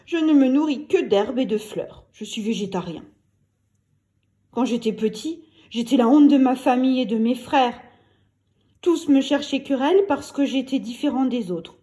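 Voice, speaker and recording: A woman voicing a kind, gentle male crocodile in a read-aloud storybook, talking calmly and reassuringly. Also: high-pitched, normal speed, close to an everyday voice. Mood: confiding.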